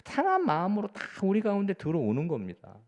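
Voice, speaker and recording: Speaking quickly with wildly swooping pitch, a man preaches as pastor while a long reverb tail trails his words. His earnest delivery speaks straight to the congregation, repeating words often, with rising emphatic peaks and soft low endings.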